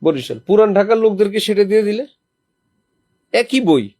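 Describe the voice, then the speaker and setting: High-voiced preacher teaching a gathering. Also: male voice, animated, moderate pace, mellow, dry recording, clean studio sound. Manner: teaching with recited Quranic examples; asks listeners questions. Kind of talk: sermon. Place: lodging during a visit to a holy city.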